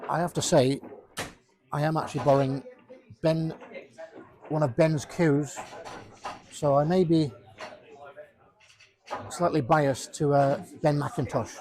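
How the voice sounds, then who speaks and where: A man's voice: a little high, fairly even intonation, slow, long pauses, warm tone. A man giving casual, jokey live commentary on a pool match, rambling and repeating himself. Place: pub during a pool match.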